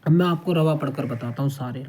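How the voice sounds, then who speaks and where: A man's voice: on the high side, dark tone. A man teaching children to read the Quran, sounding out each syllable three times and often checking that they follow. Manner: keeps checking with "okay?". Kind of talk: children's recitation lesson.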